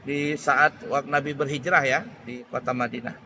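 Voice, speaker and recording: Bright-voiced male preacher, unhurried. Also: mid-range voice, steady tone, a little hiss or hum. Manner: unhurried, searching for words with restarts. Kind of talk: religious lecture. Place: Islamic boarding school.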